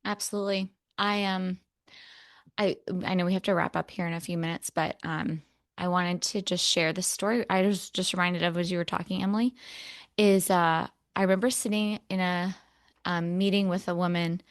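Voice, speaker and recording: A woman's voice: fairly low pitch, fairly even intonation, normal speed. A woman co-hosting a podcast, talking in an earnest, reflective way with many fillers, close to tears. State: emotional, near tears. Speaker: podcast co-host. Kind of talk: casual podcast conversation.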